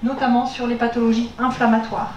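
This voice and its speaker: A woman's voice: on the high side, level tone, brisk, muffled recording. A woman giving a public lecture through a face mask, explaining step by step with hesitant rephrasing and frequent check-ins with her listeners. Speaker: lecturer on health, pain and diet. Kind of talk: spoken public lecture to an audience. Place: university lecture room. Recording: echoey room, distant mic, background noise.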